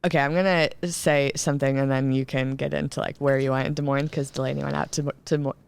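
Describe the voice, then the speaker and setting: A young woman co-hosting a local podcast in casual chat, speaking softly without much projection. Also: little pitch movement, quick pace, vocal fry, smooth. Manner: soft-spoken, low projection. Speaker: podcast co-host.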